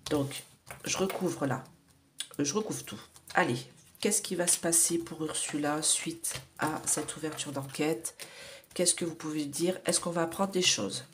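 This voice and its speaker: A nasal-voiced woman with a deep voice gives viewers a casual oracle card reading as a psychic. She rambles with many fillers, asides, and tag questions, dropping to whispers as she draws cards, over a slight hiss or hum.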